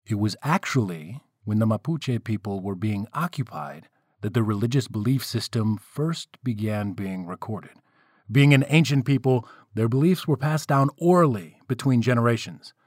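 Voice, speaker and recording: A man's voice: mid-range voice, lively intonation, normal speed, darkish tone, no room sound, studio quality. A man telling a myth in a playful, wry way, with casual asides to the listeners. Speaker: storyteller. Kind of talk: casual storytelling narration of myths.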